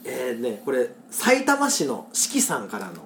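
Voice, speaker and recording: A woman from Kagoshima hosts a casual podcast, her pitch moving a lot as she explains dialect words and laughs often. The room gives her voice a roomy echo. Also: wildly swooping pitch, moderate pace, slight background noise. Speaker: podcast host. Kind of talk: casual podcast chat reading listener poems.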